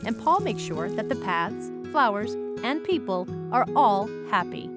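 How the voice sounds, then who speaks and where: A woman giving scripted travel narration in a lively storytelling way. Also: medium pitch, measured pace, loud music behind the voice.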